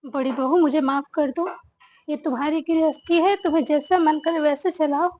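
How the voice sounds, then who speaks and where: A woman's voice: high voice, fairly even intonation, moderate pace, a little mellow, natural voice. A woman acting a stern mother-in-law who scolds her daughters-in-law in a family drama. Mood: apologetic. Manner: commanding, scolding.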